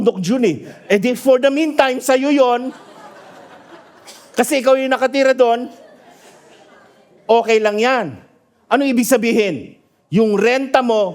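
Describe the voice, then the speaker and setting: A man preaching a sermon in a lively storytelling manner, often asking his congregation for an amen and laughing at his own stories. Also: extremely high pitch. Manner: asks the congregation for agreement. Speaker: pastor. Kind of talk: sermon mixing Tagalog and English. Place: church.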